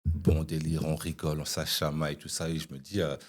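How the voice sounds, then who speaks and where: Man, young adult, podcast guest, husky, lively anecdote telling. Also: extremely low pitch, fairly quick. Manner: animated anecdote telling, many "tu vois" asides. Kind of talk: casual storytelling chat.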